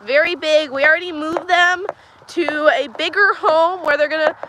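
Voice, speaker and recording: A woman's voice: high-pitched, fairly even intonation, moderate pace, background noise. A woman from Texas hosts a casual livestream from a barn's milking stall. She chats with viewers and answers their questions while coaxing the cows along. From Texas, USA. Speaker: livestream host. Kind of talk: casual livestream chat while doing farm chores. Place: milking stall in a barn on a farm.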